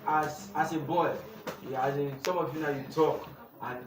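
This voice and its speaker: Speaking at a moderate pace in a steady, slightly high voice, a young Nigerian-accented man leads a youth class. He keeps prompting the room to complete his sentences call-and-response style, and the audio comes from a distance in an echoey, noisy space.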